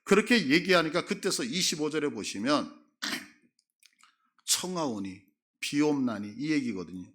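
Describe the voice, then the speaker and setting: Korean pastor preaching with animated voice. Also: male voice, on the high side, unhurried, long pauses. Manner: acts out Bible figures' words with a big rise in voice. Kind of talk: sermon.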